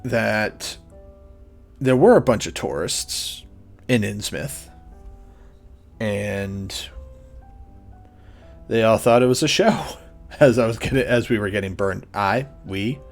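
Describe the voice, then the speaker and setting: A man's voice: on the low side, slow pace, gravelly, long pauses, soft background music. Man chatting casually while streaming a game. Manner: casual, joking asides to viewers. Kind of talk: reading a visual novel aloud live for chat.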